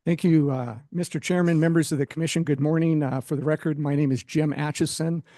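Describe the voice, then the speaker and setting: Gravelly man giving public testimony. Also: fairly high pitch, fairly even intonation, a little fast, mellow, dry recording. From Montana. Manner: direct, opinionated, some fillers. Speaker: executive director of an economic development group.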